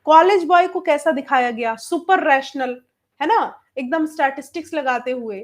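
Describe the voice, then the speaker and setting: A woman teacher with a noticeably high voice and a Bihari Hindi accent runs a class. She explains an English story line by line in Hindi, moving back and forth between the two languages. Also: moderate pace. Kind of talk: online class lesson.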